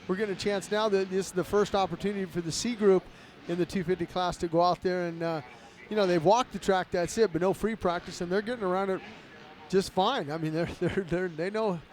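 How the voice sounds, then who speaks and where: A man co-hosting live race commentary, explaining riding in a relaxed way with plenty of fillers. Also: high voice, fairly quick. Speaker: co-host and analyst.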